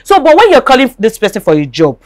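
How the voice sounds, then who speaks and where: A woman with a Nigerian accent hosting a casual talk show, talking in an animated way, repeating herself and asking if you follow. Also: on the high side, quick pace. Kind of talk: casual chat.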